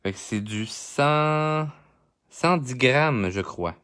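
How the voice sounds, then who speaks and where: A man's voice: medium pitch, animated, takes it slowly, a bit bright, clear, resonant tone. Chatty Québécois man teaching coloring. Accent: Québécois French. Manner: chatty, talks straight to live viewers while coloring. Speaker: art instructor. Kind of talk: live-streamed drawing tutorial.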